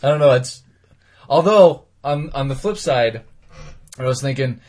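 A man's voice: mid-range voice, measured pace, darkish tone. A man hosting a casual comedy podcast, rambling and laughing as he talks. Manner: rambling, laughs often, acts out voices in stories. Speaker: podcast host.

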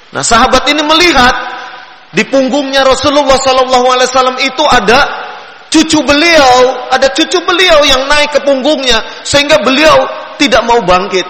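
A man giving a gentle sermon on raising children, repeating key phrases and drawing out his tones. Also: extremely high pitch. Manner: gentle, repetitive teaching with drawn-out tones. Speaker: Islamic preacher. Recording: echoey hall with long reverb.

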